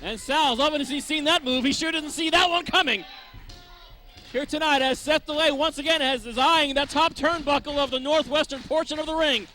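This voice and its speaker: Bright, high-pitched male wrestling commentator. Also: fairly quick, soft background music. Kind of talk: live sports commentary.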